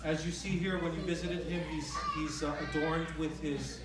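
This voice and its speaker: A middle-aged man with a fairly high voice delivers an informal eulogy for his father. His speech is conversational and halting, with phrases repeated as he goes. He is recorded at a distance from the microphone in a very echoey room. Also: level tone. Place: large reverberant room at a memorial gathering.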